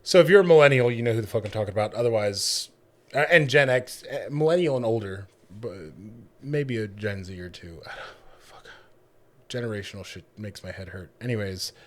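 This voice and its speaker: A man's voice: on the low side, brisk. A man in his thirties co-hosting a podcast, chatting casually in a rambling, joking way with frequent swearing. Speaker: podcast co-host. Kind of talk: casual chat.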